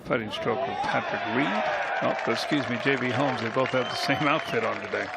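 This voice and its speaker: A man's voice: mid-range voice, normal speed, creaky. A man giving casual live golf commentary with folksy, plain-spoken reactions to each shot. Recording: loud crowd and outdoor broadcast noise. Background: crowd and outdoor noise.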